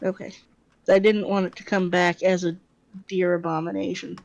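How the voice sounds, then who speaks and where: A woman's voice: on the low side, little pitch movement, moderate pace, darkish tone, lo-fi sound. A woman playing a tabletop role-playing game, chatting casually with a dry, sardonic manner.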